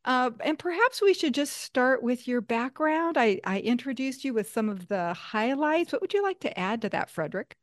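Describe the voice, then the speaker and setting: A woman's voice: high voice, very animated, normal speed, hardly any pauses, dry recording. A woman hosts an interview show and talks in a chatty, lightly joking way. Her voice is recorded dry and close, with no room sound around it. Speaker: host. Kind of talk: interview host.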